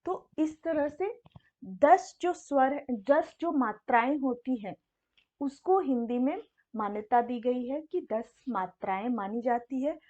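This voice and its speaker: A high-pitched woman teaches a beginner's lesson at an unhurried pace. She repeats each sound carefully, asking a question and then answering it herself. The recording is dull and lo-fi. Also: lively intonation, darkish tone. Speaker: Hindi teacher. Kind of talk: slow explanatory lesson.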